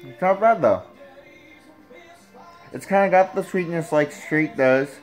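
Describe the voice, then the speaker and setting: A young man talking with a dip in his lower lip, giving a laid-back, rambling tobacco review in a casual vlog. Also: a little slow, soft background music.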